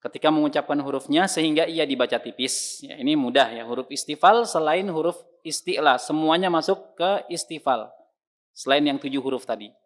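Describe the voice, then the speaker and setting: A man teaching Quran recitation in an online lesson. He explains patiently and demonstrates each sound by repeating it loudly. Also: fairly high pitch, fairly quick.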